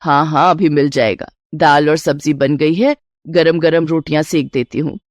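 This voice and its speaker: A woman voicing a resourceful middle-aged mother-in-law in an animated storybook, speaking in a calm, motherly, matter-of-fact way. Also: deep voice, normal speed, no room sound, pitched below the performer's own voice, natural voice. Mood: reassuring. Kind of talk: storybook character voice.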